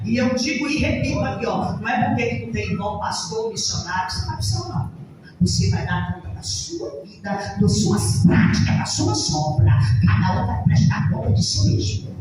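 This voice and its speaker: A Brazilian woman pastor preaching a fervent Pentecostal sermon and calling out to her congregation. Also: on the high side. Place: church hall. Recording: echoey church hall, mic far off, noisy.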